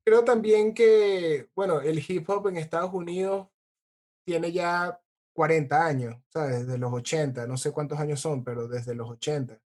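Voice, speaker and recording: A man's voice: fairly high pitch, measured pace, darkish tone. A man co-hosting a podcast who chats in an easygoing way and sometimes trails off mid-thought. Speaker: podcast co-host. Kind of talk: casual interview chat.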